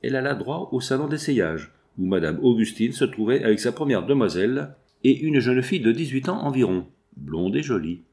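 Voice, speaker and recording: Narrating a novel for an audiobook, this male reader keeps his delivery measured yet expressive. His voice falls in the mid range.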